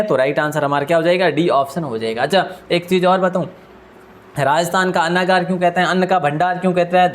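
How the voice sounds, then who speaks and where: A man teaching an exam-prep quiz lesson, talking fast and repeating each question before answering it himself. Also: high-pitched. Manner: asks questions aloud and answers them himself; deliberately speaks fast.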